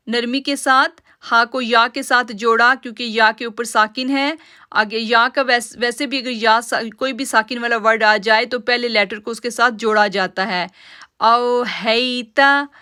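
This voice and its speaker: Bright, clear woman teaching recitation. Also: a little high. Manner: slow drawn-out demonstrations of each word, then brisk explanation of rules; addresses listeners as sisters. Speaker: tajweed teacher. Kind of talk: online Quran recitation lesson.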